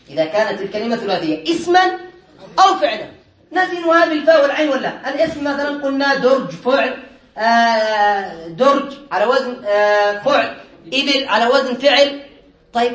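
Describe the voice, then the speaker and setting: A man with a high voice teaches grammar in a classroom lesson. He poses questions and supplies the answers himself, repeating key terms slowly and deliberately. His voice rings through a noticeably echoey room. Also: fairly bright tone. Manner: drills students by asking questions and answering them himself.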